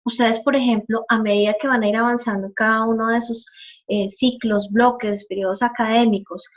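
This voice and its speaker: A woman's voice: fairly high pitch, steady tone, normal speed, lo-fi sound. A woman teacher giving a live online class, answering students patiently with examples and frequent checks for understanding.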